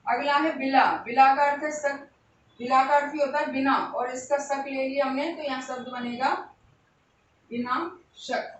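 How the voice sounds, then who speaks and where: A woman teacher giving a slow exam-prep grammar lesson, saying each word twice for emphasis. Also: high voice, flat delivery, slight background noise. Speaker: Hindi teacher. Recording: echoey room, voice a bit far from the mic.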